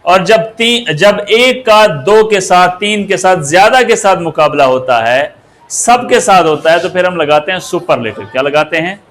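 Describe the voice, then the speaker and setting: A man teaching English grammar, asking the class questions as he goes and spelling words out slowly. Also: high-pitched, animated, fairly bright tone. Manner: slow and deliberate, asks the class rhetorical questions and spells words out. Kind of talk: grammar lesson.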